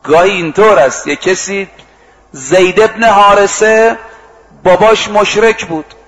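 A man giving a sermon, telling stories vividly, acting out the quoted dialogue, and slowly chanting scripture and verse. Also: high voice, poor audio. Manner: lively storytelling that acts out quoted exchanges and chants scripture and verse. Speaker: preacher. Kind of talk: storytelling sermon.

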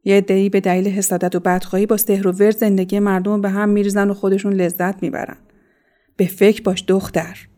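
A woman's voice: medium pitch, level tone, warm tone, lightly acted. An actress playing an older, motherly woman who gives knowing advice in a radio drama. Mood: advising. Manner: advising, knowing.

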